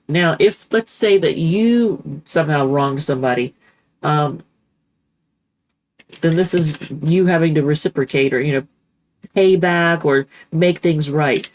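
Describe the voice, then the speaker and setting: This low-voiced woman sounds stuffed up from a cold, and the recording is rough. Reading tarot cards casually, she rambles in a chatty way, full of ums and self-corrections.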